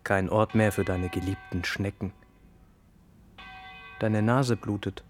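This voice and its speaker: A man's voice: fairly low pitch, fairly even intonation, slow pace, soft background music. An actor playing a probing, direct male phantom companion, a trickster, in a radio drama. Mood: needling.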